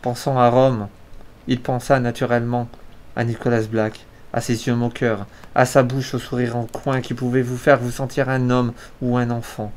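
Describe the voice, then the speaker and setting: A man's voice: mid-range voice, little pitch movement, normal speed. A man reading a novel aloud on a live stream, narrating steadily and unhurriedly, with small restarts.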